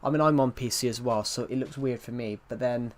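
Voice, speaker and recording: A man with a medium-pitched voice talks a little fast as he live streams from his PC at home. He chats casually and rambles while answering chat messages out loud, his thick accent rolling the R sounds hard.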